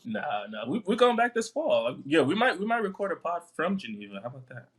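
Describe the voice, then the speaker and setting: A man's voice: a little high, big pitch swings, fast. Laid-back young man, podcast chat. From Africa. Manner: laid-back, laughs often. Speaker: podcast co-host. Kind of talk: casual chat.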